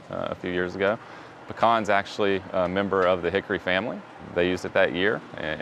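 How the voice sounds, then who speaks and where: A man's voice: sits low, a little hiss or hum. A man who grows pecans, talking casually in an interview with some hesitations. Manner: relaxed storytelling, some hesitation. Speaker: pecan grower. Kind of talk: interview sound bite.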